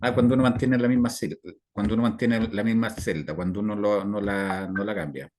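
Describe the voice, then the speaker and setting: Chilean guy teaching a class on a video call, lowish voice, rambles a lot, keeps asking cierto?. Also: steady tone, a little fast, a little mellow. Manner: rambling, full of fillers, checks with "¿cierto?". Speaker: instructor. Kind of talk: online class walkthrough.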